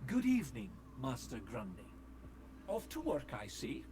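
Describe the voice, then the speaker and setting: Polite robot butler. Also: male voice, medium pitch, huge pitch swings, unhurried, noisy background. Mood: courteous. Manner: formal and courteous.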